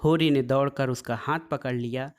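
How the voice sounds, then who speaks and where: A male storyteller reading a classic novel aloud. He narrates in a steady, even storytelling voice with a middling pitch. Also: moderate pace, clean tone.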